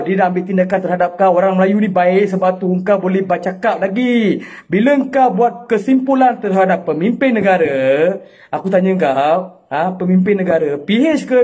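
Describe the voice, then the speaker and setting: A man's voice: sits high, a little mellow. A Malaysian man delivering an angry, confrontational video rant, scolding and firing rhetorical questions. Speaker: social media commentator.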